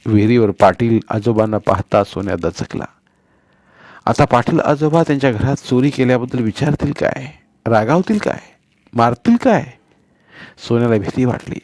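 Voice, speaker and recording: Guy reading a story out, steady, mid voice, dry no room. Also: medium pitch, no echo. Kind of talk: scripted story narration.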